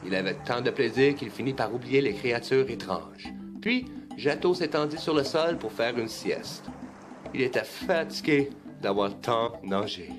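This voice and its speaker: A man reading a children's story aloud, lively and expressive. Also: mid-range voice, measured pace. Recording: music bed under the voice.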